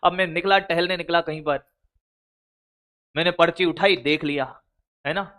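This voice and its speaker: A man's voice: a little high, steady tone, normal speed, pushed and bright. A male teacher giving blunt, scolding study advice to exam students, calling them brother and son. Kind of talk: motivational study advice lecture.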